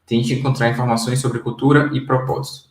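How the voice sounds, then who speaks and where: A man in his own casual video lesson, coaching viewers on job interviews. He speaks directly and conversationally at an average pitch for a man, often pausing to check that his listeners follow. His voice sits a little back from the microphone in a roomy space. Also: little pitch movement, recorded from a distance. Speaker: career coach.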